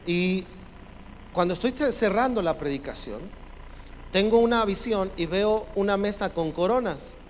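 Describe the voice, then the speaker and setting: High-voiced preaching man in a reverberant hall. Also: lively intonation, unhurried. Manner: emphatic, urges the congregation to repeat phrases. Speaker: pastor. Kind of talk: sermon. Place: church sanctuary. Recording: long reverb from a church hall, faint noise.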